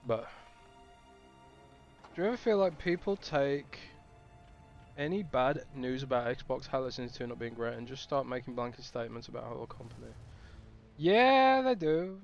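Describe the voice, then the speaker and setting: A man's voice: mid-range voice, animated, moderate pace, vocal fry, long pauses, dull audio, soft background music. A man streaming a game, chatting casually and thinking aloud with restarts. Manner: rambling, thinking aloud with fillers.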